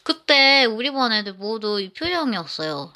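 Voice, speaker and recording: A woman's voice: on the high side, big pitch swings, moderate pace, pushed and bright. A woman narrating a personal story in the first person, rambling and often restarting her sentences.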